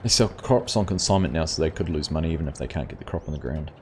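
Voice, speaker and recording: A middle-aged New Zealand man with a bass voice talks fast over slight background noise while hosting a live gaming stream. He's relaxed and chatty, full of fillers, reading viewer comments and answering people in chat by name.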